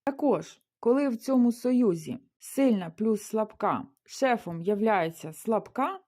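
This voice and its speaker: A woman's voice: a little high, lively intonation, unhurried, warm tone. A woman teaching a beginners' language lesson, explaining rules with everyday comparisons and rhetorical questions. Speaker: Spanish teacher.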